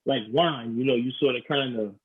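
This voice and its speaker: The host of this podcast conversation is a young adult man from New York with a medium-pitched, slightly rough voice at normal speed. He's earnest and leans on "you know" a lot, and the line sounds tinny, like a phone.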